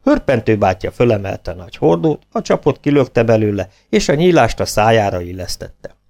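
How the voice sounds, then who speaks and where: A man's voice: fairly low pitch, big pitch swings, creaky, a little mellow. A man reading a children's storybook aloud as narrator, dropping his voice for speech tags. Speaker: audiobook reader.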